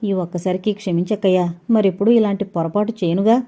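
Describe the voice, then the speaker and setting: A woman's voice: mid-range voice, steady tone, quick pace, mellow, close to an everyday voice. A woman voicing a timid young woman with a fiery temper. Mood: pleading.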